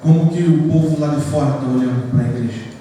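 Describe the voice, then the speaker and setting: A man's voice: mid-range voice, fairly quick, warm tone, a little hiss or hum. A man from Brazil, a pastor preaching an earnest sermon to his congregation in a church hall. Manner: earnest, addresses the congregation as "queridos". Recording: echoey church hall picked up from far off.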